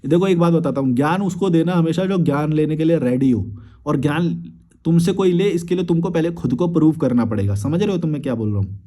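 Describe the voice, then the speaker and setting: A man's voice: on the high side, quick pace, dark tone. A young man, a YouTube creator, replying to viewer comments in a blunt, crude and combative rant with frequent swearing.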